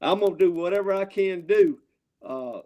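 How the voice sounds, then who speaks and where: A man with a high-pitched voice and a Southern drawl rambles through casual wrestling trash talk. He swears freely and pushes his points hard, sounding riled up. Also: lively intonation, normal speed, dull audio. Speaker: wrestling promotion owner, show guest.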